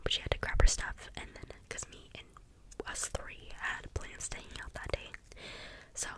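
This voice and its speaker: A young adult speaks in a soft, breathy ASMR whisper, rambling casually through everyday stories and drifting into tangents. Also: low-quality recording. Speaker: ASMR video creator.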